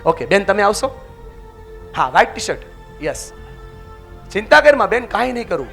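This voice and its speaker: A man giving a motivational speech to a live audience, energetic and calling out to the crowd for answers and chants. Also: high voice, normal speed, creaky, faint music behind. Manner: leads the audience in loud chants. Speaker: motivational speaker. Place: large event hall with an audience.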